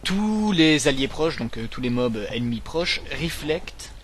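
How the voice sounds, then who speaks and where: Here a gaming channel co-host jokes around while explaining how the game works, keeping the let's-play commentary casual and full of banter. He speaks a little slowly in a fairly high, animated voice, and there's a faint hiss or hum.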